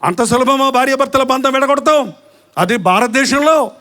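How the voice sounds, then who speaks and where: Brief: male preacher, very high voice, lively sermon delivery that acts out arguments and quizzes the congregation. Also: moderate pace. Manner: animated preaching, acting out quarrels, rhetorical questions to the congregation. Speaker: pastor.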